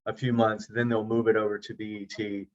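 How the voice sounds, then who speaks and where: Brisk and lowish with little pitch movement, the voice belongs to a middle-aged actor and producer appearing as a relaxed video-call interview guest. He jokes about himself, and the sound is lo-fi and slightly dull.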